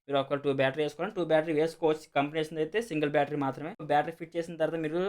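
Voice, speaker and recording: This Telugu-accented man has a slightly high, darkish voice with little pitch movement, and he talks rapid-fire. Hosting a video, he casually explains and shows off a product, repeating points often and sprinkling in many English words.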